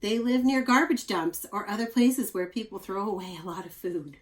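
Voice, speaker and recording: Reading from a children's nonfiction book in a teacherly, expressive way, a woman explains things and adds chatty asides for young listeners, speaking at a medium pitch and moderate pace.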